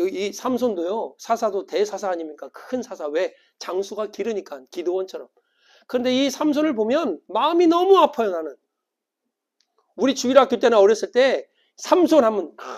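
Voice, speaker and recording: Animated pastor preaching with dramatic swings. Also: male voice. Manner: animated, acts out quoted voices with big swings in pitch and loudness. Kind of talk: sermon.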